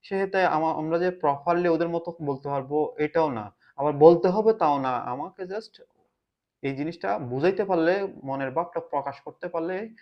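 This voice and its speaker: A man from Bangladesh with a Bangladeshi Bengali accent talks casually to the camera in a reflective way, often pausing to search for words. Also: a little high. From Chittagong, Bangladesh. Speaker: vlogger. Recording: slightly dull lo-fi sound.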